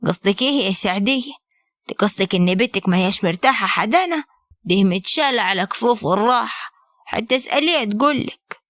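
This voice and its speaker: A woman with an Upper Egyptian accent voicing a scheming, sharp-tongued older mother-in-law who scolds and orders people about. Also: mid-range voice, animated, fast talker, no echo, lightly acted. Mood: bossy. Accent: Upper Egyptian Arabic. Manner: scolding, sweet-talking then sharp.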